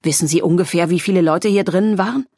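A woman's voice: fairly low pitch, fast, no room sound, clean studio sound. A woman voicing a composed young male officer who gives firm instructions in an audiobook. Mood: firm instructing. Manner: calm, firm and commanding.

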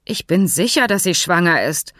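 A woman reading an audiobook, voicing a slow-witted, earnest male horse breeder who speaks slowly and firmly. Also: on the low side, lively intonation, a bit bright, dry recording, studio quality. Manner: slow, firm.

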